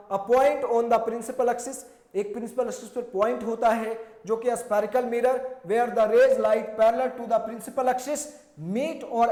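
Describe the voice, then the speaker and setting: A male physics teacher giving a classroom lecture, asking and answering his own questions and repeating key terms, mixing slowly spoken English technical phrases into his speech and addressing students with affectionate encouragement. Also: sits high, a little mellow. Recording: echoey room.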